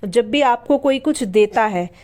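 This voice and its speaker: A woman with a slightly high voice teaches a beginner English lesson. She spells out each word slowly, letter by letter, then repeats it and quizzes the listener. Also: expressive, darkish tone.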